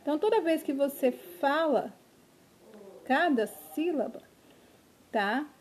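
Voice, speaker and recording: A woman's voice: high-pitched, lively intonation, slow pace, a little mellow. A woman teaching a remote lesson to young children, spelling out syllables one at a time and checking in often to see if they follow. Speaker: primary school teacher.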